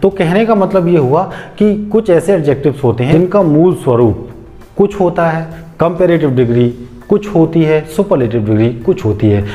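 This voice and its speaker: Mellow-voiced man teaching grammar. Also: fairly high pitch, animated, faint music behind. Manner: slow, step-by-step explanation with rhetorical questions. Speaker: English teacher. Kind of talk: explaining grammar on a whiteboard.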